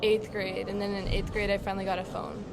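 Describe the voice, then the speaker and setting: A woman's voice: mid-range voice, little pitch movement, quick pace, crowd noise. A young woman on a casual podcast, telling rambling anecdotes full of "like". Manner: rambling anecdotes with many likes. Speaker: podcast co-host. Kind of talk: casual storytelling chat.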